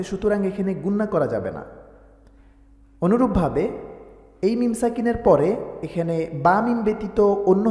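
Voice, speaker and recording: A man's voice: sits high, dark tone. A man teaching Quran recitation. He chants verses, splits words into syllables and explains the recitation rules. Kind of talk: slow syllable-by-syllable recitation lesson. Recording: echoey room with long reverb.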